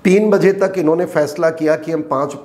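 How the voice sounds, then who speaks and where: A middle-aged man, a retired army colonel, speaks as an interview guest with a fairly high voice. He argues emphatically and often turns to rhetorical questions, pressing each point hard. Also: a little fast, a little mellow. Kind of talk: interview, explaining.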